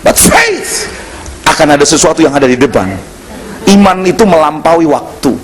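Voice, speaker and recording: A male pastor, preaching a sermon at a church service and telling a personal story in animated, slangy dialogue. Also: fairly high pitch, fairly quick.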